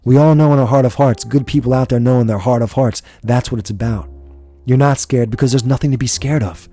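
A man's voice: mid-range voice, fairly quick, mellow. A man from the United States hosting a podcast, delivering an impassioned, profane political rant. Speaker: podcast host.

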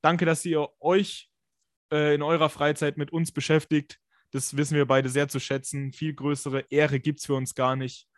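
A man with a scratchy smoker's rasp, co-hosting a podcast and giving blunt, colloquial, emphatic coaching advice in a casual chat. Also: a little high, flat delivery, normal speed, no echo, studio quality. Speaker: podcast co-host and fitness coach.

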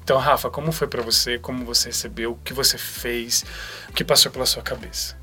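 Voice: mid-range voice, steady tone, brisk, sharp tone. A host who asks probing, rambling questions full of fillers. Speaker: interviewer host. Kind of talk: casual interview questions. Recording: faint music underneath.

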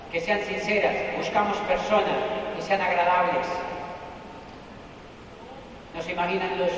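A man giving a motivational business talk to an audience, emphatic and fond of repeating punchy phrases. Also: high voice. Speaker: business speaker. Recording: echoey hall, distant mic, faint noise.

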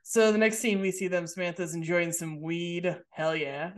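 A woman's voice: lowish voice, measured pace. A woman co-hosting a podcast who chats casually, laughs often and acts out quotes while recapping a show. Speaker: podcast co-host.

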